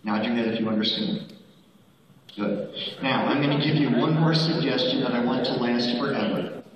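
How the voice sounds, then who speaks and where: A man's voice: mid-range voice, steady tone. Hypnotist man in an echoey gym. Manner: slow, repetitive hypnotic instructions with playful shouted examples. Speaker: stage hypnotist. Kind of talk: hypnosis show suggestions. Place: school gym with a live audience. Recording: distant echoey gym recording, muffled, with a loud crowd.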